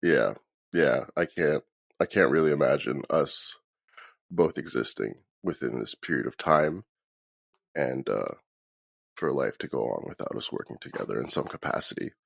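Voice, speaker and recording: A hungover man talks in a very deep, creaky voice. He is laid-back and slangy, swearing easily as he chats as a guest, and the sound is dry and close. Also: normal speed, dry recording. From Philadelphia. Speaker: interview guest, band musician. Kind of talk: casual chat.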